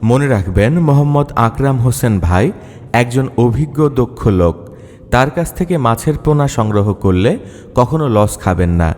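A male announcer declaims an emphatic sales pitch that sounds as if it is blaring over a PA loudspeaker. His voice sits at an ordinary middle pitch. A long reverb trails each phrase, as if it is bouncing around a big open space. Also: lively intonation, moderate pace. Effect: echoing announcement as if over a PA loudspeaker.

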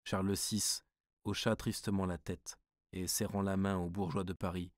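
A man reading prose poems aloud as an audiobook narrator, measured and expressive. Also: sits low, dry recording, studio quality. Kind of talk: scripted literary narration.

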